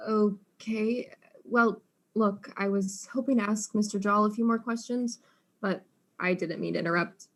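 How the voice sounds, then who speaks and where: A woman's voice: medium pitch, fairly even intonation, measured pace. A woman playing a polite, probing detective. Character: polite, persistent female detective. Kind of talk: student audio drama.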